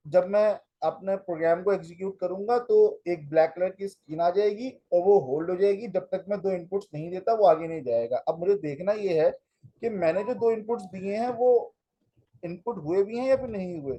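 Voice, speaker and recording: Man, computer teacher, lecture style, high pitch, dark warm tone. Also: lo-fi sound. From Pakistan. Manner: explains step by step, mixing in English phrases. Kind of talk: classroom lecture with live coding.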